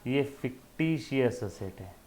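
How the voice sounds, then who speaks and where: A man's voice: medium pitch, animated, slow, a little mellow, a little hiss or hum. A male accountancy lecturer giving an emphatic classroom lecture, checking in with rhetorical questions and fondly addressing students as children.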